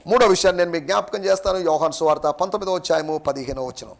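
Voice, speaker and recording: Male pastor, high gravelly voice, emphatic repetitive sermon delivery. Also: rapid-fire. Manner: emphatic, repetitive preaching, switching into English.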